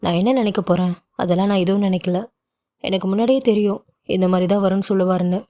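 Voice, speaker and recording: A woman voicing a calm, forgiving wealthy father who speaks in a gentle, reassuring way. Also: mid-range voice, fast, lightly acted.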